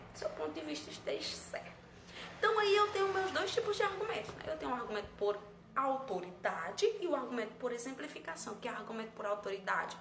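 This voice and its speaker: High-voiced Brazilian teacher woman, echoey room. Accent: Brazilian Portuguese. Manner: explains step by step, asks and answers her own questions. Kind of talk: recorded review lesson. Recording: echoey room, faint ambient noise.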